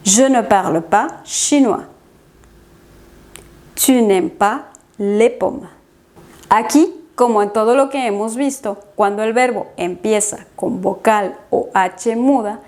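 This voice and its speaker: Slow, careful woman teaching French. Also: medium pitch, a little mellow. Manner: slow, careful dictation of conjugations. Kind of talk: language lesson.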